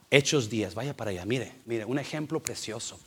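A man preaching a sermon in a church, telling a story with big swings from loud to hushed. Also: mid-range voice, expressive, unhurried, slightly rough. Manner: emotive, swings from loud to hushed, mixes in English fillers. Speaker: pastor.

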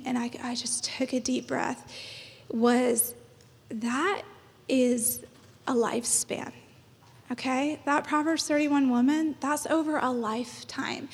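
High-voiced chatty woman in her thirties. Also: vocal fry, breathy edge. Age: 30s. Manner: chatty, encouraging, laughs often. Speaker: panelist. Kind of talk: church panel talk. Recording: long hall reverb.

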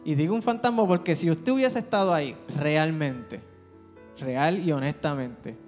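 A man's voice: fairly high pitch, moderate pace. A male pastor preaching a sermon with emphatic rhetorical questions, recorded in a church. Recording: church hall reverb with music.

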